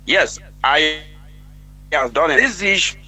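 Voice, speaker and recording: A man's voice: a little high, expressive, slow, bright, forceful tone. Man on a breaking-up phone line. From Nigeria. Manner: polite, formal greetings. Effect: breaking-up phone line, voice coming and going. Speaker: caller. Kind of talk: radio call-in caller.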